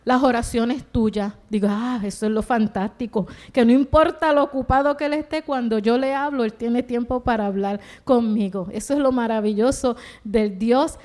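Middle-aged woman preacher, high-pitched, earnest testimony style. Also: moderate pace, a little mellow. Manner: earnest, testimony-driven, acts out quoted dialogue. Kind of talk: sermon.

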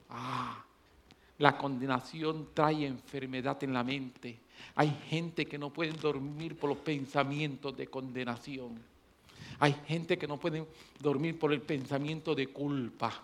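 A pastor preaching a sermon, swinging between loud emphatic stretches and low quiet ones, repeating phrases for emphasis. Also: male voice.

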